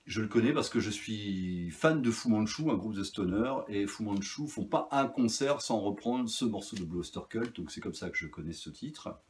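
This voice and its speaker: A man's voice: fairly low pitch, animated, moderate pace, hardly any pauses. Rambling man reviewing records. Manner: chatty, rambling, many fillers and restarts. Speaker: record collector vlogger. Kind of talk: casual vinyl haul review.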